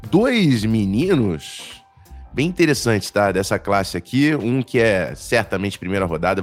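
A Brazilian man with a fairly low, slightly strained voice hosts a sports podcast. He talks casually and haltingly, with plenty of slang, over faint music. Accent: Brazilian Portuguese. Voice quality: voice slightly failing, strained from tiredness. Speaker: podcast host.

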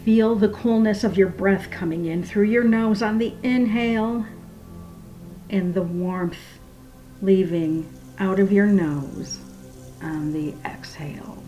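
A woman leads a guided meditation and prayer in a soft, hushed, soothing voice that trails into a near-whisper. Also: medium pitch, slow, dull audio, faint music behind.

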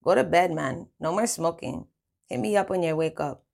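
A woman's voice: on the low side, normal speed, gravelly, a little mellow. A woman voicing a stern, controlling man who checks in with concern. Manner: stern but caring. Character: stern, controlling male pimp.

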